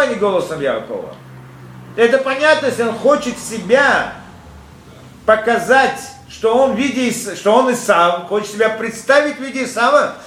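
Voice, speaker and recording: A man's voice: very high-pitched, fairly bright tone, a little hiss or hum. A man giving a Torah lesson to students. He explains through rhetorical questions and quotes Hebrew verses. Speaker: Torah teacher. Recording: echoey room with faint ambience.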